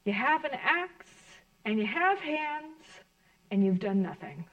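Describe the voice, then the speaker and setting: A woman's voice: fairly high pitch, very animated, slow, recorded from a distance, highs cut off. A woman voicing a blunt talking river. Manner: blunt, matter-of-fact scolding. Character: a river speaking bluntly to a man.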